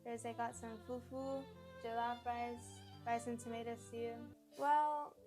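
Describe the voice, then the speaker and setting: High-voiced young girl chatting over music. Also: little pitch movement, a little slow. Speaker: interviewee. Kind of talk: casual interview answers.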